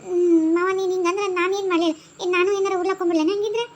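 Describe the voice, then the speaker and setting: A woman's voice: extremely high pitch, steady tone, rapid-fire. A woman with a North Karnataka Kannada accent voicing characters in a home-made cartoon comedy, chatty and pleading. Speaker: cartoon narrator and voice artist. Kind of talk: cartoon voice acting.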